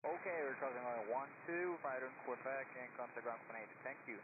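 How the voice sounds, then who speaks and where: A male airline pilot on a cockpit headset radio, reading back a runway crossing to the tower in a brisk, businesslike way. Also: medium pitch. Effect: pilot speaking over cockpit headset radio. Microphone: cockpit headset mic. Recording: narrow radio band with heavy static.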